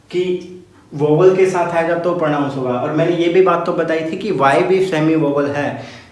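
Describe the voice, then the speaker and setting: Man, teacher, patient step-by-step explaining, slightly high voice, strong room echo. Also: far from the mic. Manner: patient, repetitive, checks in with "ok, clear?". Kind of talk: phonetics lesson explaining symbols step by step. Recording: very echoey room, voice a bit off-mic.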